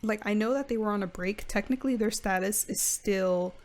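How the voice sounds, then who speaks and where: A woman's voice: mid-range voice, fairly quick, a little mellow, natural voice. A woman voicing a hurt, angry young man sim in a life-simulation game, indignant and petty.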